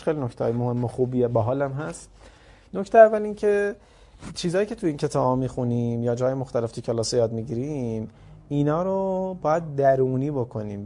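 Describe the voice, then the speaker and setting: A man's voice: mid-range voice, dark tone. A man teaching parents, reading passages from a book aloud and then explaining them in a conversational way, acting out parents' and children's lines as he goes.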